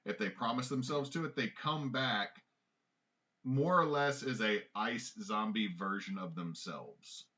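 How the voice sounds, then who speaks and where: A man narrating as game master of a tabletop game, in a relaxed way with fillers. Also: fairly low pitch, a little slow. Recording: dull lo-fi mic.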